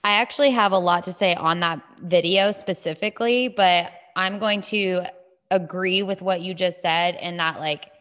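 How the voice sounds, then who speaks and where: A woman's voice: fairly low pitch, moderate pace, a bit bright. Woman podcast host in an echoing gym. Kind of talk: casual podcast chat. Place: indoor gym with strong echo. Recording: echoing gym, long reverb.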